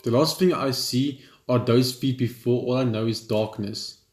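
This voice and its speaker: Reading the game's story text aloud between comments, a male gaming video host sometimes trips over his words. He speaks at a moderate pace with medium pitch, fairly even intonation, and a darkish tone. Faint game music sits beneath a roomy echo.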